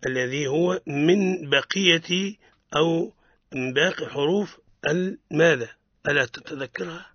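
Tunisian man teaching Quran recitation, bright voice. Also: fairly high pitch, no echo, lo-fi sound. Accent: Tunisian Arabic. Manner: explains rules, quizzes the student, models slow chanted recitation. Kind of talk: radio lesson on Quran recitation rules.

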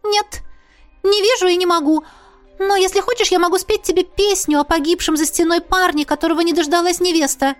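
A woman's voice: very high-pitched, steady tone, brisk, faint music behind, voice pushed up. A woman voicing a lovesick, gloomy ghost girl who talks in a mockingly sweet sing-song.

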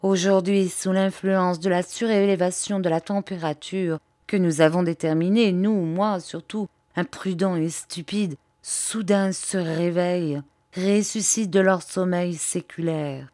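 A woman's voice: on the low side, fairly even intonation, unhurried, few pauses, darkish tone, no room sound, clean studio sound. A woman voicing a serious, anxious learned man in a storybook reading, speaking earnestly. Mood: desperate. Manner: earnest, solemn explaining.

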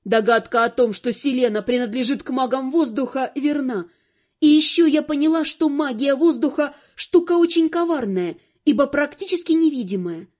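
A woman narrating an audiobook in the first person, in an expressive, wry storytelling manner. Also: high voice, moderate pace, muffled recording. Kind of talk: scripted narration.

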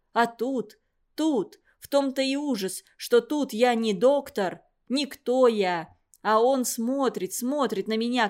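A grieving middle-aged village doctor, as a woman reads him, his speech pained and halting, broken into short phrases. The voice stays fairly high and light for a man. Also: a little mellow, close to an everyday voice.

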